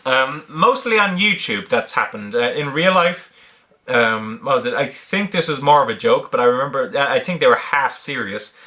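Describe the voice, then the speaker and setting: An online video creator from Ireland fields viewer questions in a medium-pitched, animated voice with a sharp tone and a moderate pace. His accent mixes Irish, British and American, and his answers come casually and unscripted, hesitant and full of ums as he thinks aloud.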